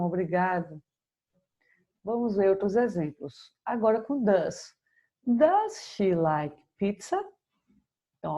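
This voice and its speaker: Brazilian woman teacher, slow and mellow, patient, walks students through grammar step by step. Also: mid-range voice. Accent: Brazilian Portuguese. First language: Portuguese. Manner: slow, patient explaining, checks in with "ok?". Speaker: English teacher. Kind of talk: recorded grammar lesson.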